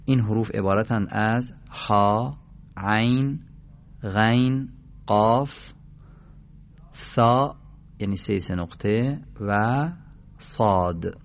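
A man teaching a pronunciation lesson for Quran recitation, explaining and then slowly drilling syllables. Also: on the low side, dull audio. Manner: slow, deliberate, drawn-out syllable chanting.

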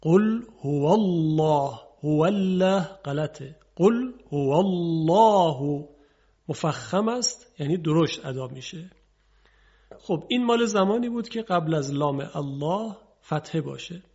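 A man teaching Quran recitation rules on a televised lesson, patiently explaining and drawling each example slowly. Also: a little high, expressive, a little mellow, husky, highs cut off.

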